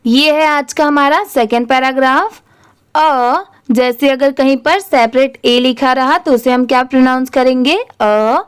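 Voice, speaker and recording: Patient woman English teacher, higher voice, deliberate unhurried delivery. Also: clean tone. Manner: spells words letter by letter, slow and patient. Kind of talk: spelling-out reading lesson.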